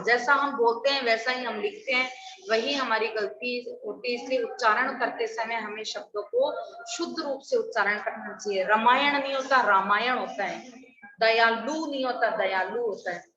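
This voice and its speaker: Bright-voiced woman teaching from an echoey distance. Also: on the high side. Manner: drills correct spellings, contrasting wrong and right forms; asks the class questions and answers them herself. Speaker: school Hindi teacher. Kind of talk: online class lesson. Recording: echoey, distant, dull online class audio.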